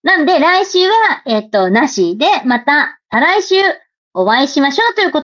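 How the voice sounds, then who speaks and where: A woman's voice: high-pitched, sing-song, normal speed, fairly bright tone, muffled recording. A woman hosting a livestream, chatting casually and playfully while reading out viewer comments. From Japan. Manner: chatty and playful, laughs often, reads comments aloud. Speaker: livestream host.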